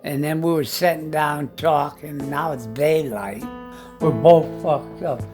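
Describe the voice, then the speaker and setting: A man's voice: on the high side, measured pace, over music. A man telling a rambling, profane anecdote in a casual spoken style. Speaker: storyteller.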